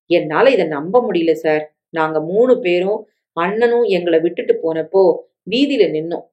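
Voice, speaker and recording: A woman's voice: fairly low pitch, unhurried, darkish tone, muffled recording, natural voice. A woman reading as a grateful younger sister. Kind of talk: storybook reading.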